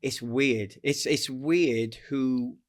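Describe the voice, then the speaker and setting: Animated British man telling stories. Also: medium pitch, drawn-out words. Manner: animated storyteller, acts out voices, laughs often. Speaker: guest athlete. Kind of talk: casual storytelling interview.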